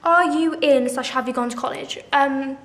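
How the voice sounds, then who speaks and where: A 17-year-old vlogger chats casually to camera in a Q&A video, bubbly, saying "like" constantly and laughing at herself. Her voice is high and a bit bright at a normal speed, with a roomy sound.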